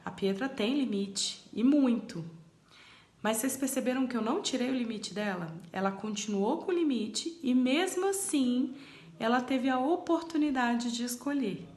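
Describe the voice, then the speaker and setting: A woman's voice: a little high, lively intonation, normal speed, darkish tone, reverberant. A Brazilian woman in her thirties giving parenting advice in a chatty vlog, talking straight to her viewers. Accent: Brazilian Portuguese. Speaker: parenting vlogger.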